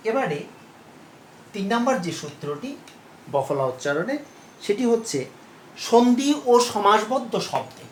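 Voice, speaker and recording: A male teacher giving a pronunciation lesson, speaking slowly and repeating each word while he asks his students questions. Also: a little high. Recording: echoey room with faint background noise.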